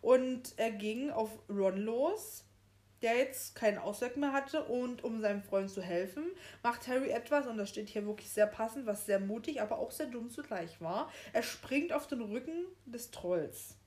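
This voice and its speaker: A young woman with a slightly high voice, talking in a loose, chatty way. She retells a story scene by scene, often stops to correct herself, and laughs easily. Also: normal speed, darkish tone. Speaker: podcast co-host reading a book aloud. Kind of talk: casual chat retelling a story.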